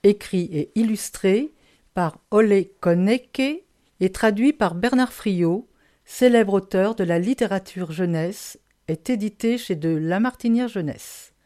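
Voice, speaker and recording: A woman reads a children's picture book aloud, her mid-range voice gentle and expressive. She takes her time, giving the story lively emphasis.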